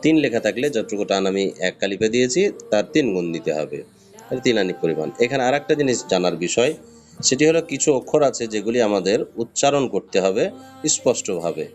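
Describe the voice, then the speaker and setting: A man's voice: lowish voice, lively intonation, fast talker, a little mellow, faint music behind. A man teaching a beginner's lesson on pronouncing Arabic letters, patiently explaining and drawing out each sound. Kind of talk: step-by-step pronunciation lesson.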